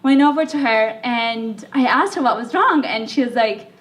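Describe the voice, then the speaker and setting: Speaking to an audience at a normal speed, a sick young Libyan woman delivers a chatty talk full of fillers and self-deprecation. Her voice is a little high, and she sounds distant from the microphone.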